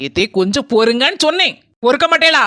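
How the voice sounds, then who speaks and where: A woman voicing a sharp-tongued, quick-tempered young daughter-in-law with a Kanyakumari Tamil accent, blunt and sarcastic. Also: high-pitched, lively intonation. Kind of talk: cartoon voice acting.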